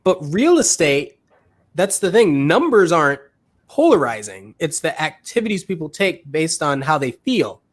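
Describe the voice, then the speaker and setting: A man's voice: a little high, big pitch swings, moderate pace. A man talking casually as a realtor and podcast host, thinking aloud with restarts. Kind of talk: casual panel talk.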